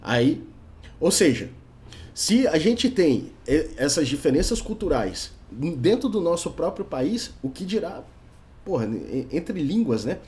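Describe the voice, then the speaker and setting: Chatty Brazilian man teaching, higher voice. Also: very animated, unhurried, a little mellow. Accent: Brazilian Portuguese. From Brazil, Brasília. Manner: chatty, tags many sentences with a questioning "right?". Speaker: English teacher. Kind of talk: casual video lesson.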